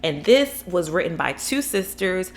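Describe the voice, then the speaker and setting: A young adult woman from Florida, USA, reviews books in a casual, rambling, enthusiastic vlog packed with fillers and asides. Her voice is on the low side, sing-song, and a little slow, with slight background noise.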